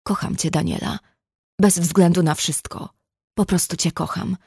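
A guilt-ridden young man, read by a woman narrator, pleads in a voice that keeps breaking. The tone is fairly low. The recording is dry and close-miked. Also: fairly even intonation, a little slow, a little mellow, husky, no echo, exaggerated voice. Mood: tender.

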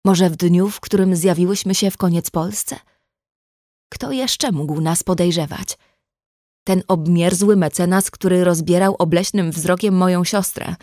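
A woman's voice: fairly low pitch, a little slow, dark tone, no room sound, clean studio sound, natural voice. A woman voicing a wounded, bitter young red-haired woman who makes tearful, cutting accusations in an audiobook. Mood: anguished.

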